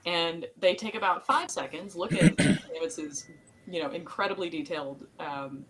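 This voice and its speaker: A woman's voice: on the low side, normal speed, very noisy. A woman co-hosting a podcast, recapping an episode in a chatty, meandering way with frequent laughs. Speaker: podcast co-host. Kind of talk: casual chat recapping a TV episode.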